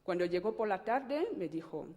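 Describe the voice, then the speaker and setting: Speaking with animation in a warm, medium-pitched voice, a church member whose first language is French shares her testimony. She is emotional and fervent, sometimes halting, and a long hall reverb surrounds her.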